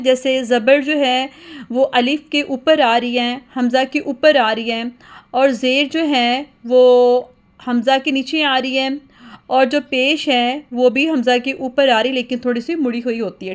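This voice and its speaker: A woman teaching a children's lesson at a whiteboard, patiently repeating sounds in slow sing-song chants. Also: high-pitched, steady tone.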